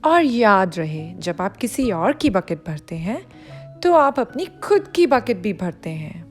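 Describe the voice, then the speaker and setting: A woman reads a picture book aloud to children with expressive narration, speaking straight to the young listener, explaining as she goes and glossing words. Her mid-range voice is sing-song and slow, with soft music playing in the background.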